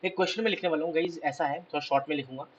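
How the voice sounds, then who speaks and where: A hoarse man teaching a math lecture, asking questions and answering them himself. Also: on the high side, racing, lo-fi sound, slight background noise. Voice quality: clears his throat. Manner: explains step by step, asks and answers his own questions. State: hoarse, scratchy throat.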